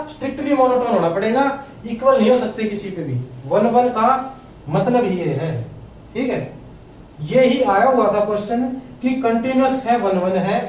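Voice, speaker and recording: A man lectures on math in a classroom, moving step by step and often asking if the students follow. His voice sits high, with a little hiss or hum. The recording is echoey, his voice coming from far off.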